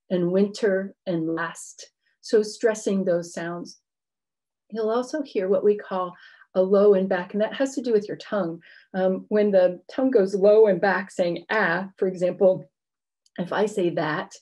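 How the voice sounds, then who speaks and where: A middle-aged woman lectures in an explanatory way, with informal asides. Her voice sits a little low and has a soft, mellow tone. It sounds like a video-call class from a room at home. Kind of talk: academic lecture with slides. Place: indoor book-lined room at home.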